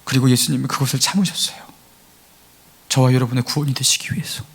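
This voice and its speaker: A man's voice: medium pitch, steady tone, quick pace, creaky, breathy edge. A man pastor preaching a Sunday sermon, earnest and pleading, acting out the taunts of scoffers and building to fervent emphasis. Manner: acts out mocking voices of scoffers. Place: church sanctuary.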